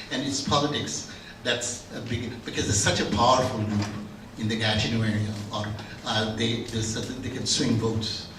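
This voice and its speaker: Older male conference speaker, anecdotal and halting, in an echoey room with faint background hum. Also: mid-range voice. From Bangladesh. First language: Bengali. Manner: conversational, anecdotal, with many restarts. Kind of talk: academic conference talk. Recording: roomy room, distant mic, faint ambience.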